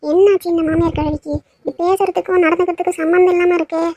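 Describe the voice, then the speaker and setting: A woman's voice: very high-pitched, fairly even intonation, fast talker, warm tone, dull audio. A woman voicing a wry young daughter-in-law in a cartoon, muttering sarcastic asides. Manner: sarcastic inner monologue. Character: put-upon daughter-in-law, wry and scheming.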